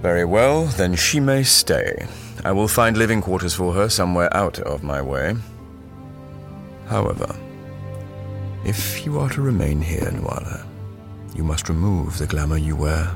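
An actor playing a grave, imperious immortal lord of dreams, formal, cold and solemn, in an audio drama. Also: male voice, low-pitched, lively intonation, unhurried, full character voice. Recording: clear music behind the voice.

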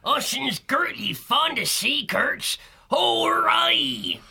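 A man's voice: extremely high pitch, sing-song, drawn-out words, gravelly, pushed and bright, pitched above the performer's own voice, full character voice. A man voicing a baby mole who drawls in broad rustic dialect. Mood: eager.

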